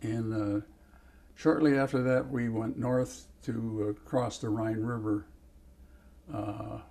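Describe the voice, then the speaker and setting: An elderly man, a war veteran, recalling in a halting oral history interview, often pausing to search for names and places. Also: lowish voice, steady tone, gravelly, warm tone. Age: older. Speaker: World War Two veteran.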